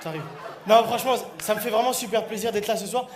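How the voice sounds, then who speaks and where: High-voiced man doing stand-up comedy. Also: quick pace. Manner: teasing, animated, jokes with the audience. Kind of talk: stand-up comedy with crowd work. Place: stage in a comedy venue. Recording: echoey venue with crowd laughter and noise.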